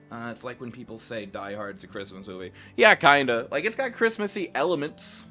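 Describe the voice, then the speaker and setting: A man's voice: fairly low pitch, fairly bright tone. A man streaming a game, chatting casually and rambling with lots of fillers on a close desk mic. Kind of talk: casual live-stream commentary.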